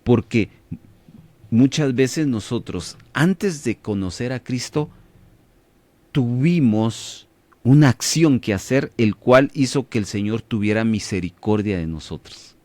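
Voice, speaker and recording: A man with a Latin American Spanish accent teaches the Bible on the radio, preachy and emphatic. His pitch leaps up and down with lively swings. His studio mic sounds close and dry. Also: slow, no room sound. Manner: preachy, emphatic, asks listeners questions. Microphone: studio microphone.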